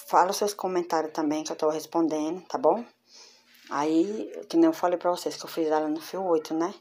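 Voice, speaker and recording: Low-voiced chatty woman showing crafts. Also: fairly even intonation, fairly quick, darkish tone. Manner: chatty, addresses viewers as girls. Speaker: crochet vlogger. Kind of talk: casual show-and-tell. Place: home room with door closed.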